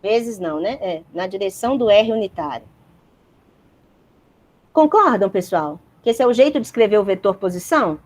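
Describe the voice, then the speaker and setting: A woman's voice: medium pitch, lively intonation, moderate pace, long pauses. A woman giving a university physics lecture, explaining step by step and checking in with her students.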